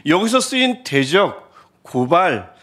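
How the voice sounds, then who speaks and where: A middle-aged man preaching a sermon, telling stories in an animated way, moving between soft asides and shouted exclamations, with some self-deprecating humor. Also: on the high side, slow. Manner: self-deprecating, laughs at himself. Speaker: pastor.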